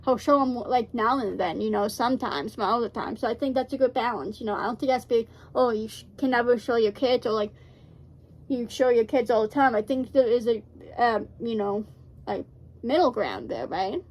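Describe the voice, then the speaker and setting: Chatty woman host rambling on, kinda high voice, lots of "you know". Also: normal speed, low-quality recording. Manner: chatty, rambling with many fillers. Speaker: reaction video host. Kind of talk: casual chat.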